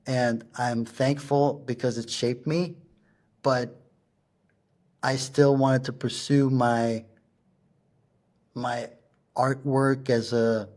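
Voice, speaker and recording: Man, middle-aged, punk singer guest, monotone delivery, halting, casual storytelling. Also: medium pitch. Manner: halting, searching for words, drops in German words.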